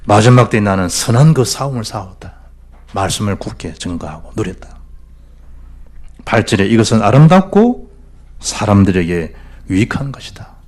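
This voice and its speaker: Animated Gyeongsang pastor preaching. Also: male voice, lowish voice, moderate pace, long pauses. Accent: Gyeongsang Korean. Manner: animated, swings between loud exhortation and hushed asides. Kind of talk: sermon. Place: church.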